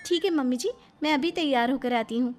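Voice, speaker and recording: A woman's voice: sits high, brisk, a little mellow, close to an everyday voice. A woman voicing a playful young daughter-in-law in a cartoon story, breezy and a little swaggering. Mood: coaxing. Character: cheeky playful young wife, swaggering film-hero fan. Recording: music behind the voice.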